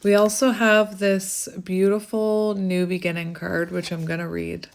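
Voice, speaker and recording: A woman's voice: medium pitch, flat delivery, a little slow. Chatty woman lisping slightly from a retainer. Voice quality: slight lisp from wearing a retainer. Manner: giggly, effusive, chatty asides. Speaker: tarot reader hosting a card reading. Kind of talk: casual chatty card reading.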